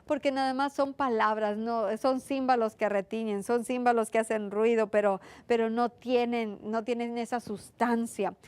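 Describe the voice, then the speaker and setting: A woman's voice: fairly high pitch, steady tone, normal speed, hardly any pauses, a little mellow, clean tone, dry recording. A woman preaching a sermon in an earnest, repetitive way, asking questions and answering them herself.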